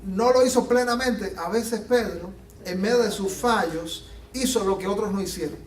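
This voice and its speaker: A man preaching a sermon as pastor, animated and acting out the Bible scenes he tells. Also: high voice, moderate pace. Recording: echoey room from a distance.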